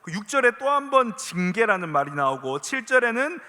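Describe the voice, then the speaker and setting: Lively Gyeongsang-accented male pastor preaching. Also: high-pitched, fairly quick. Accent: Gyeongsang dialect. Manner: animated, asks the listeners many questions. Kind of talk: sermon to a youth congregation. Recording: echoey church hall reverb.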